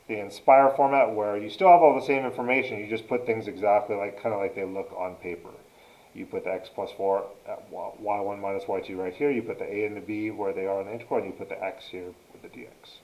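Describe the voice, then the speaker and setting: A man's voice: on the low side, darkish tone, roomy sound, rough recording. A man teaching a math lesson, dictating each entry step by step as he narrates a calculator demonstration.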